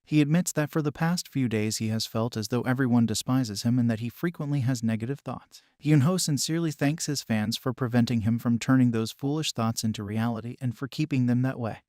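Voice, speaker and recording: A man narrating a comic story recap in a steady scripted way, with brief personal asides. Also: mid-range voice, brisk, few pauses, no echo, studio quality.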